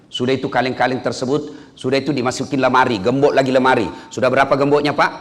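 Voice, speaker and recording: A man preaching a humorous sermon to an audience, acting out stories with shouted voices. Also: mid-range voice, quick pace. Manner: lively, joking, acts out stories with shouted voices. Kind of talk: humorous sermon to civil servants. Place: hall with an audience. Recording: echoey hall.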